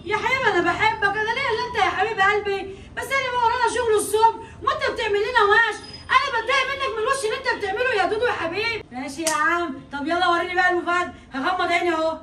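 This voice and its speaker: A woman with an Egyptian accent playing an exasperated mother in a comedy sketch, scolding and teasing quickly. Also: extremely high pitch, bright, forceful tone, roomy sound, distant mic, a little hiss or hum. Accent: Egyptian Arabic.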